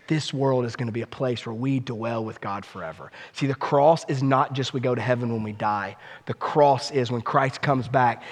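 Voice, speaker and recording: A male pastor preaching a sermon, building to impassioned pleas and then dropping to a quiet prayer. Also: mid-range voice. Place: church sanctuary. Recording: long hall reverb.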